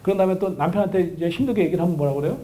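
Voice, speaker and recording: A middle-aged man, a counseling professor, giving a lively lecture to an audience and acting out the voices of a wife and husband. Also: high-pitched, very fast, a little hiss or hum. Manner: animated, acts out quoted voices of a wife and husband.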